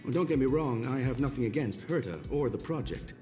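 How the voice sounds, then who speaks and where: In a mid-range voice, a man plays a video game's robot scholar who is courteous, rational, calm, and regretful, with formal, precise, measured speech. The performance is lightly acted, and music plays in the background.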